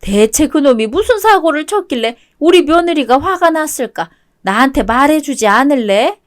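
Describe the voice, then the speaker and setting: A worried older mother-in-law, motherly yet quick to scold, speaking in a fairly high voice, as a woman reads her. The web-toon radio drama reading keeps her warm but firm. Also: expressive. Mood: concerned.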